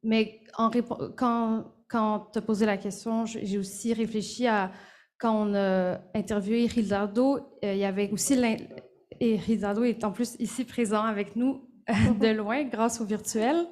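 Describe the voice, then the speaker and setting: A woman's voice: fairly high pitch, fairly even intonation, measured pace, darkish tone. A woman giving an informal, reflective answer as a panel presenter.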